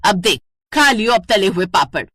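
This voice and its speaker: A woman voicing a sharp-tongued older mother-in-law who scolds and frets in a cartoon story. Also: mid-range voice, sing-song, normal speed, husky, no room sound. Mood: scolding. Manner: scolding, nagging. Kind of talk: cartoon voice acting.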